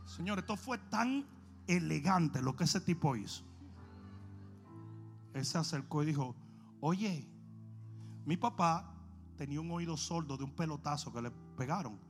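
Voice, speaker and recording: A man preaching an animated sermon, acting out stories and swinging between shouting and low asides. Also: moderate pace, creaky, long pauses, soft background music.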